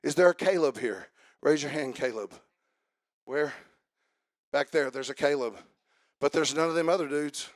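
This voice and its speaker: A man preaching a sermon to a congregation, asking them questions and rising into a chanted, shouted preaching cadence. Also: a little high, moderate pace, long pauses, dry recording, studio quality.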